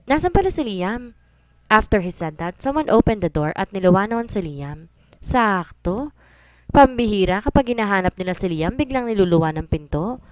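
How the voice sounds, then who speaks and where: A woman narrating a romance story in first person, with steady storytelling and English phrases mixed in. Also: mid-range voice, moderate pace, smooth, no echo. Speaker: audiobook narrator.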